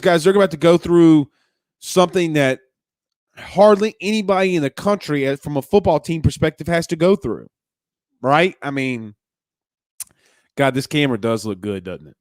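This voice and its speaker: A young man from Louisiana hosts a sports podcast live stream, chatting casually through comments at a normal speed. He rambles, restarts his sentences, and tosses out "man" and "bro." The recording is dry and close-miked, capturing a smooth, resonant, slightly stuffy voice at a middling pitch.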